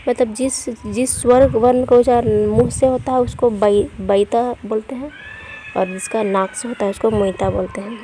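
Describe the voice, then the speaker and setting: With a warm, medium-pitched voice over slight background noise, a woman teaches a language lesson online. She goes step by step, saying each letter and example word individually, and frequently asks "okay".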